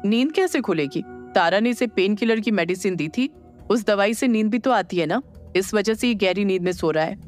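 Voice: mid-range voice, expressive, normal speed, soft background music, natural voice. A narrator voicing a puzzled, plaintive young man in an audio drama. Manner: bewildered, plaintive.

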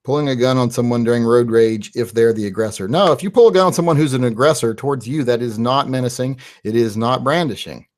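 Fast and with few pauses, this man's mid-range voice has a slightly mellow quality. He's in his forties, from West Virginia, and hosts a live-stream Q&A where he rambles conversationally through viewer questions, saying "uh" a lot. Recording happens in a small home studio on a large studio mic on a boom, with headphones.

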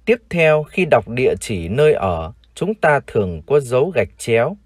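A Vietnamese man teaching English, who reads each word slowly and repeats it for learners to copy. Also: medium pitch, very animated, no echo, clean studio sound. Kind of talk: vocabulary lesson, slow model pronunciations.

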